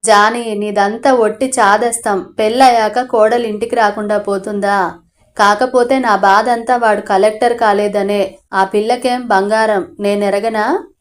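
A woman's voice: medium pitch, steady tone, a little slow, lightly acted. A woman voicing a short-tempered middle-aged father who scolds his son, read as part of a storybook audio novel. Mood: sarcastic. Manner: scolding, sarcastic.

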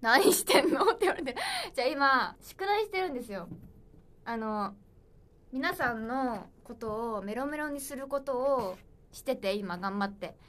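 Solo livestream host, woman in her twenties, chatty and playful with viewers, voice on the high side. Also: expressive, unhurried, fairly bright tone. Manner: chatty, playful, reads viewer comments aloud. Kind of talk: casual livestream chat.

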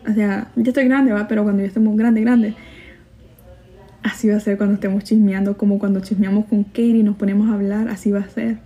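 A woman's voice: mid-range voice, warm tone. Chatty Salvadoran woman streaming live. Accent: Salvadoran Spanish with some Mexican. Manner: chatty, gossipy, laughs easily; reads viewer comments aloud. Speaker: livestream host. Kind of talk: casual live-stream chat.

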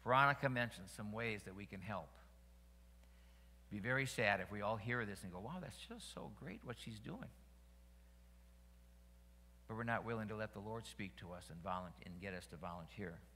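Male pastor, bright tone, sermon delivery with repetition, church reverb. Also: on the low side, fairly quick. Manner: preaching with rising emphasis, repeating phrases. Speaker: senior pastor. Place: church sanctuary. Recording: long reverb of a church hall.

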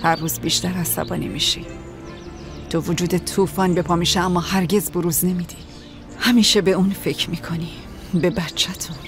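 A woman playing a gentle, consoling mother. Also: fairly low pitch, steady tone, close to an everyday voice. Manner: soft, consoling. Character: gentle, caring mother figure. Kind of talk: dubbed TV drama. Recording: music playing under the voice.

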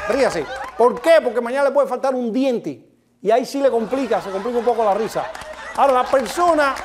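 A Cuban comedian hosting, delivering a stand-up monologue, joking and speaking straight to the audience while acting out different kinds of laughter. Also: male voice, very high voice. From Cuba. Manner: joking, addresses the audience directly. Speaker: comedian host.

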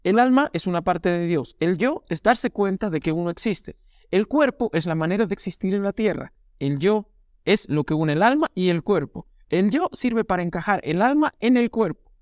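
A man's voice: sits high, expressive, moderate pace, no room sound, clean studio sound. A man co-hosting a casual chat, reading a dialogue aloud with enthusiasm. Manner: enthusiastic storyteller, reads quotes with feeling. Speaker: co-host.

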